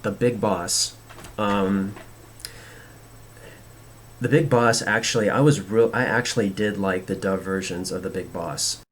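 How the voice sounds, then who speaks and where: A man with a fairly low voice gives casual, opinionated commentary as a show host. He is earnest and rambles, often halting to restart. There is slight noise behind him.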